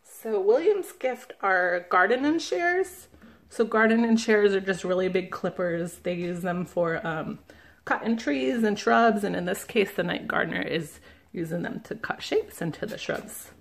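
A children's librarian reads a picture book aloud slowly and gently, pausing to ask her listeners questions. Her medium-pitched voice is animated, with vocal fry. She sits indoors at a table, the camera above the book.

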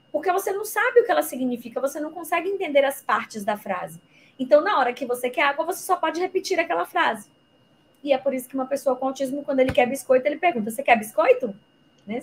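Woman explaining, slightly high voice. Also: a little hiss or hum, rough recording. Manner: didactic, explains with examples and rhetorical questions. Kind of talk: explanatory talk in a live interview.

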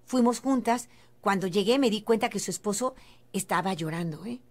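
A woman radio host, telling a story in an earnest, gentle and preachy way. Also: mid-range voice, normal speed. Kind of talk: storytelling on a radio talk show.

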